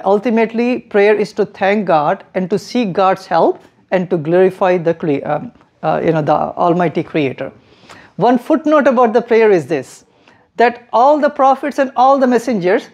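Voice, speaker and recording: High-voiced with a darkish tone, this young Indian man works as a mosque guide and educator, leading visitors from a hallway into a classroom. His explanations are friendly and informative, and he laughs a lot.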